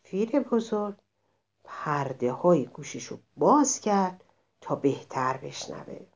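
A woman narrating a children's story, expressive and addressing the children listening. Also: lowish voice.

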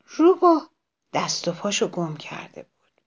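Lively woman telling a children's story. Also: medium pitch, dull audio. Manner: expressive, addresses children directly.

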